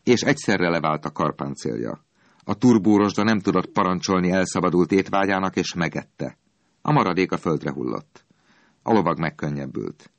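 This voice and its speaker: A man reading a storybook aloud in an expressive, dramatic storytelling manner. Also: low-pitched, creaky, no echo, lo-fi sound. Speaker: narrator.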